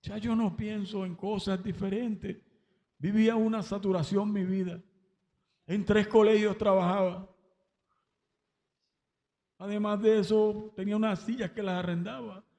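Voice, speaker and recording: A man's voice: high voice, fairly even intonation, a little slow, pauses often, dark tone, in a large hall. A man giving an emotional religious testimony at a church service, breaking into exclamations of praise.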